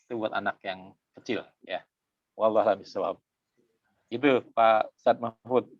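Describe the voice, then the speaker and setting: A middle-aged man giving a conversational parenting talk, acting out parent and child in quick exchanges. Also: lowish voice, fairly even intonation, no room sound, narrow, tinny audio. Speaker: parenting speaker.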